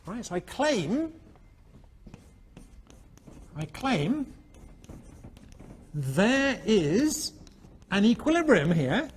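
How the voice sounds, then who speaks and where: A male economics professor giving a university lecture, animated and constantly checking in with his students. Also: high-pitched, extremely slow, pauses often, husky. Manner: animated, keeps checking in with "all right?". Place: lecture hall.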